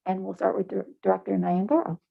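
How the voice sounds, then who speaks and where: A woman chairing a public board meeting, briskly calling on members one by one and adding her own remarks. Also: mid-range voice, steady tone, a little hiss or hum. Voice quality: creaky, gravelly. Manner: brisk, calls on speakers one by one, then chats. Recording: muffled meeting-room audio.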